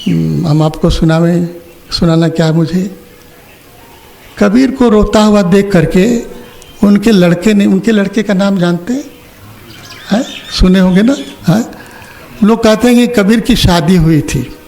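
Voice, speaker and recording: Older guy preaching at an ashram event, pretty high voice, tells stories and quizzes the crowd. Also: measured pace, creaky, pauses often, mellow, a little hiss or hum. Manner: storytelling, asks the audience questions. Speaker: spiritual teacher. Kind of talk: Hindi religious discourse. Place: ashram opening ceremony hall.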